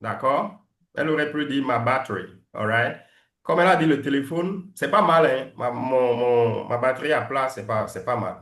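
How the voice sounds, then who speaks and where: A man teaching a live online class and coaching his students' pronunciation, lively and teasing as he drills them line by line. His voice sits at a mid pitch and rings in a roomy, echoey space. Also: moderate pace. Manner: lively, teasing, switches between French and English drills. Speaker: English teacher.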